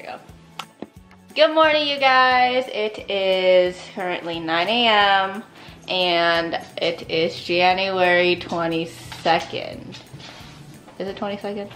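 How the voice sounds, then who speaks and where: With a medium, slightly bright voice, this twentysomething woman vlogs about nursing school in a loose, conversational way. Fillers run throughout, especially "like," along with plenty of "um."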